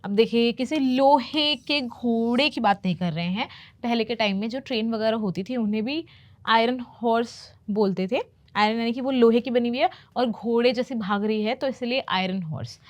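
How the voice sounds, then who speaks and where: A woman teaching English, patiently explaining movie phrases and repeating them slowly. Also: on the high side. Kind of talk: explaining movie lines in a lesson.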